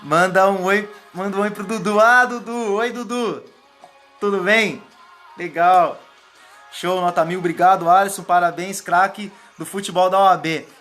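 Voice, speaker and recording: A man's voice: high voice, steady tone, normal speed, a bit bright, soft background music. A man coaching public speaking on a casual live stream, rambling and thanking viewers by name as they join. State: sweating. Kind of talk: live stream chat, reading viewer comments. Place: indoors, warm room.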